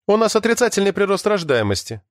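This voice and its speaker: A man's voice: high voice, sing-song, fast, no echo, voice pushed up. Tired, wry mother, raised voice, read by a man, dry studio sound. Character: middle-aged mother, tired, wry, anxious.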